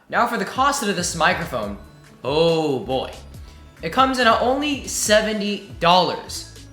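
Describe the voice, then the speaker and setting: This is a tech reviewer, a man with a slightly high, sharp-toned voice, working through a scripted review of a product. He stays upbeat and enthusiastic throughout, recorded on a desk USB condenser microphone in an echoey room with faint background music.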